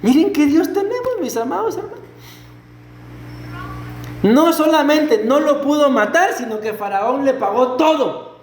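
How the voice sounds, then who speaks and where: A middle-aged man preaching a sermon as pastor, animated and full of rhetorical questions to the congregation. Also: very high voice, measured pace, long pauses, a little hiss or hum. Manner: acts out quoted voices and a stutter. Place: church sanctuary. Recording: echoey church hall.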